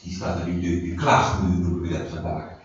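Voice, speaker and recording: Preacher in an echoey hall. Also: male voice, low voice, flat delivery, fairly quick. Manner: conversational, repeats words and restarts, asks the group questions. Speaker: preacher leading a Bible study. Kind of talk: informal Bible teaching with questions to the group. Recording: echoey room from a distant mic, dull sound, faint noise.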